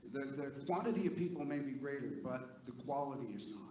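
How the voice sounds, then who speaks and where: A man's voice: mid-range voice, expressive, brisk, echoey room. A Canadian man in the audience asking a question at a shareholder meeting, folksy and joking, with fillers. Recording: dull, faintly noisy room mic.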